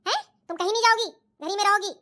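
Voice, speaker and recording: A woman's voice: extremely high pitch, racing, bright, forceful tone, a little hiss or hum. Woman voicing a stern, bossy cartoon mother-in-law. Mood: scolding. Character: strict, domineering older mother-in-law. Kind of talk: cartoon voice acting.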